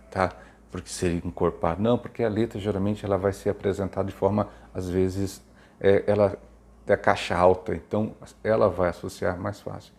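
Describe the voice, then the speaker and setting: A man's voice: deep voice, vocal fry, darkish tone. A Brazilian man speaking informally to parents and teachers, explaining literacy tips and sounding out letters with emphasis. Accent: Brazilian Portuguese.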